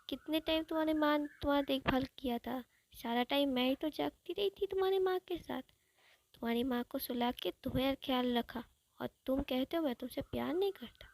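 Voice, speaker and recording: A woman's voice: high voice, creaky, a little mellow, no echo. A woman voicing an older grandmother who scolds with love and fusses over her grandson. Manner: fussing, chiding.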